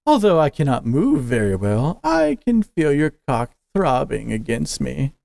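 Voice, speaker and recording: A man's voice: medium pitch, wildly swooping pitch, a little slow, creaky, a little mellow, no echo, exaggerated voice. A man voicing a sly demon creditor trapped in a plush toy, with a mocking, purring manner. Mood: teasing.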